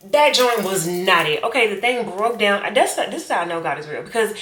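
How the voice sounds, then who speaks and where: A woman, loose and chatty, with plenty of slang and laughter. Her voice sits in a middle pitch range. The sound bounces around an echoey room. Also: expressive, brisk, a bit bright. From Richmond, Virginia. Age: 20s. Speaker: vlogger. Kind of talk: casual get-to-know-me vlog.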